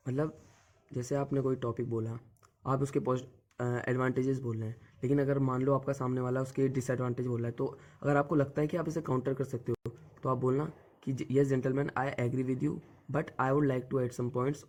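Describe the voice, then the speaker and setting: A man's voice: medium pitch, a little mellow. A young man coaching viewers on group discussions in a casual, direct way, often repeating the same filler word. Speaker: exam coach giving tips. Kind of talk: casual spoken lesson.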